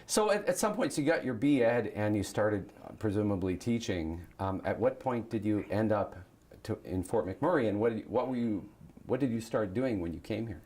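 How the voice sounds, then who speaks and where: A man hosting a morning interview show, chatty and animated, his voice hoarse and scratchy today. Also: fairly low pitch, brisk. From Saskatchewan. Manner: lively, chatty, animated questioning. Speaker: show host.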